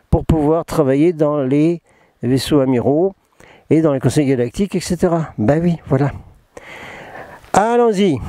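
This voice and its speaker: A man's voice: a little high, dark tone, no room sound. A man, talking casually about spiritual matters, rambling and joking at himself with many restarts. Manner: jokey, self-mocking, rambling with many restarts. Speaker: spiritual channeler hosting a talk. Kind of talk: casual spoken talk mixing reading and asides.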